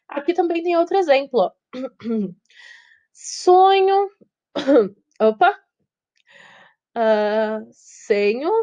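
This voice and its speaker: A woman teacher with a Brazilian Portuguese accent, giving an online lesson. She repeats words slowly syllable by syllable and keeps checking with the class. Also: sits high, mellow, dull audio. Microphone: video call setup, her own face on screen.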